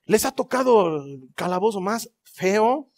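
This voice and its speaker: A man with a fairly high voice preaching in a church. He tells the story with lively, dramatic flair and joking asides. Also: measured pace. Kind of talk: sermon.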